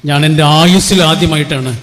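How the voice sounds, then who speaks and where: A man's voice: a little high, brisk, a bit bright, slight background noise. A middle-aged man giving an inspirational public speech. He tells stories and keeps asking the audience rhetorical questions. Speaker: motivational speaker. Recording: long hall reverb.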